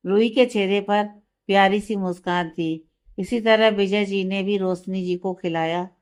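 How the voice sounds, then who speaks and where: Smooth-voiced woman narrating a story. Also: medium pitch, steady tone, unhurried.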